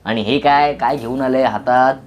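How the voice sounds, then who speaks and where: A man's voice: mid-range voice, steady tone, moderate pace, muffled recording, a crowd in the background. A man giving a mocking, teasing voice-over on a vlog's footage, with music playing behind him. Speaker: vlogger narrating over footage. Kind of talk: sarcastic comic voice-over.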